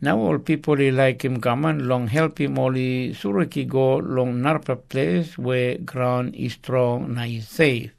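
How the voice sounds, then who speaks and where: Creaky Melanesian male newsreader. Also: medium pitch, fairly even intonation, unhurried, few pauses. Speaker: news reporter. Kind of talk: scripted news narration in Melanesian pidgin.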